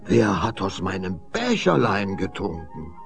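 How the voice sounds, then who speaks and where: A man voicing seven kindly little dwarfs in a fairy-tale reading, in a lively, questioning tone. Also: low-pitched, measured pace, vocal fry, faint music behind, full character voice. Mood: puzzled. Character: seven small, fussy male dwarfs, kindly miners.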